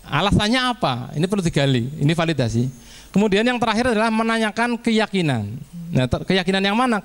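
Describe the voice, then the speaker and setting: A fairly high-voiced man talks to fellow teachers in a relaxed training session. He is chatty and loose, and slips into quick acted-out exchanges between teacher and student. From Indonesia. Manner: chatty, acts out teacher-student dialogues with little laughs. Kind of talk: informal training presentation.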